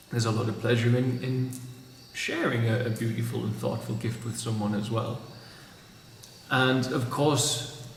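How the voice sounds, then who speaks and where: A man vlogging in a reflective, unhurried way, recorded in an empty room with a big hall echo. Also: medium pitch, darkish tone, a little hiss or hum. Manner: thoughtful, unhurried, restarts phrases. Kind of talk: reflective monologue. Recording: echoey empty room with long reverb.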